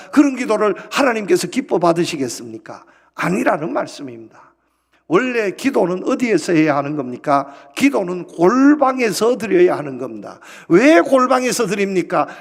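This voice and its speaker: A man preaching a Sunday sermon as pastor, asking the congregation rhetorical questions and pressing each point with rising and falling emphasis. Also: high voice. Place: church sanctuary. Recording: long hall reverb.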